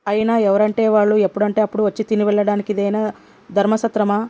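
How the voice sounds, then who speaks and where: A woman narrator voicing a quarrelsome young man who shouts at his family over breakfast. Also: medium pitch, monotone, fast, close to an everyday voice. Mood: shouting. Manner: loud, indignant.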